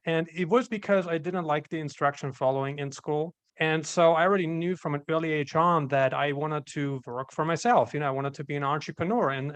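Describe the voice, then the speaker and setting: Austrian-born man in his twenties, slightly high voice, dry close sound, chatty storyteller. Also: no echo. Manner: storytelling, upbeat, frequent "you know". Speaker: guest entrepreneur. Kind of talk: casual interview chat.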